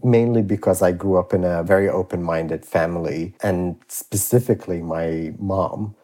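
A young man from Iraq with a low, dark voice, talking as a guest on a podcast. He speaks openly and reflectively, with easy laughter between thoughts. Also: steady tone, normal speed. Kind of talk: podcast interview.

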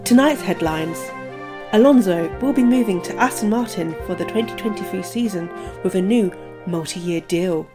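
A woman putting on the voice of a formal TV news reader, reading headlines in a measured way. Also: mid-range voice, music in the background, lightly acted.

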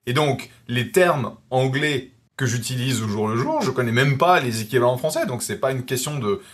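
A man co-hosting a casual tech podcast, relaxed and self-deprecating, hesitating over his words. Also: mid-range voice, moderate pace. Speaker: podcast co-host.

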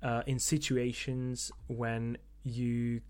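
A man's voice: medium pitch, flat delivery, very slow, a little mellow, clear, resonant tone. A man hosting a casual podcast, agreeing with his guests and moving the show on. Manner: agreeable, moves the show along. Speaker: podcast host.

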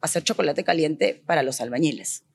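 Low-pitched and brisk, with vocal fry and a slightly rough quality, this woman from Peru is an architect and designer. As an interview guest she tells stories in a conversational, animated way, acting out pieces of remembered dialogue.

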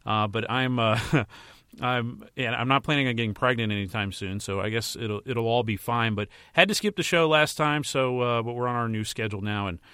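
A man's voice: mid-range voice, fairly quick, bright, forceful tone, clean tone, no echo, studio quality. A man who is feeling slightly sick, getting over a virus, hosting a podcast solo in an informal, rambling, mildly profane way. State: recovering from a virus, slightly under the weather. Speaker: podcast host and movie and TV editor. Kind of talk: casual solo podcast talk.

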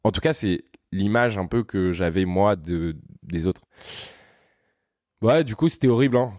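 Deep-voiced Frenchman telling stories casually. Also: animated, a little slow, a little mellow, no room sound, studio quality. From France. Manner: rambling, slangy, frequent "tu vois" asides. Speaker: podcast guest, content creator. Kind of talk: casual storytelling conversation.

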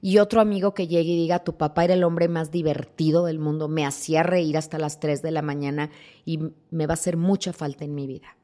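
A woman with a somewhat low voice talks as a thanatologist in a podcast interview. She explains warmly but firmly, slipping into little acted voices when she quotes people. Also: fairly quick. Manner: expressive, acts out quoted voices. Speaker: thanatologist guest. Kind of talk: interview conversation.

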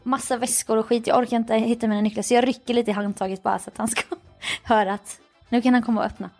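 A young woman co-hosting a podcast, retelling a story with animated quoted dialogue and frequent laughter. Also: on the high side, soft background music. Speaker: podcast co-host. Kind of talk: casual chat, storytelling.

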